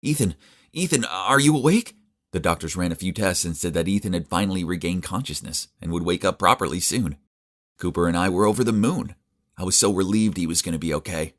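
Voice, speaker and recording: A man's voice: sits low, quick pace. A young man narrating a dramatic first-person story in a confiding tone.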